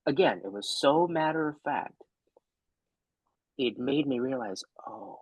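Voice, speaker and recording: A man's voice: mid-range voice, lively intonation, a little slow, no room sound, low-quality recording. A man co-hosting a workshop over a video call, telling a personal story in a candid, casual way with the odd swear word. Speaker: workshop co-host.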